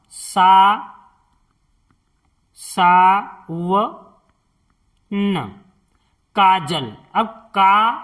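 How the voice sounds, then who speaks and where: A woman teaching reading as a lesson, saying each word slowly and repeating it, then explaining the letters patiently step by step. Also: medium pitch, bright, forceful tone. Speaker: Hindi teacher.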